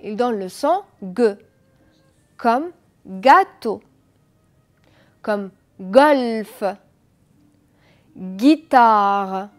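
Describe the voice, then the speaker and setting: A woman teaching French pronunciation on an educational TV lesson, drilling words slowly and asking the class to repeat after her. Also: medium pitch. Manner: slow, deliberate drilling with repeated checks. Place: TV studio.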